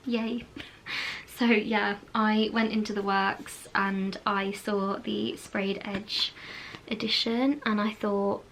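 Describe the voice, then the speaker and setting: A woman's voice: mid-range voice, little pitch movement, takes it slowly, fairly bright tone, slight background noise, rough recording. Chatty woman. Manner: chatty, rambling with many fillers. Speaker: book vlogger and indie author. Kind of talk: casual chat. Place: indoors at home, lit by a ring light.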